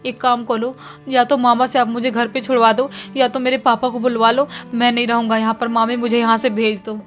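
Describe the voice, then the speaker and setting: A woman's voice: fairly high pitch, flat delivery, a little fast, soft background music, natural voice. A woman voicing a frightened boy who begs for help in a horror story. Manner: anxious, pleading. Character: worried boy, frightened and pleading.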